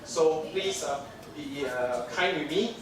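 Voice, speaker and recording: A jet-lagged dental lecturer with a Singaporean English accent gives a conference lecture slowly, in a high-pitched, chatty voice full of jokes and fillers. He's picked up by a distant mic in an echoey hall, with audience noise audible.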